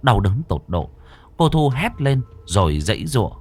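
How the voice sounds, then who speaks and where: A man narrating a horror story in a dramatic, expressive storytelling manner. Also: medium pitch, moderate pace, husky.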